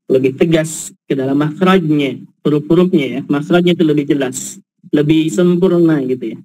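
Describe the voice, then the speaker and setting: Patient male Arabic teacher, higher voice. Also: normal speed, warm tone, no echo, low-quality recording. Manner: patient, explains with many examples and checks in with listeners. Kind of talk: classroom explanation.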